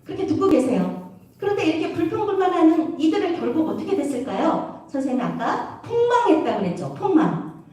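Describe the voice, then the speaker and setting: Animated woman preaching in an echoey hall. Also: very high voice, fairly quick, far from the mic. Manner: animated, keeps asking the audience questions. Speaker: youth preacher. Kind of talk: lively sermon to youth.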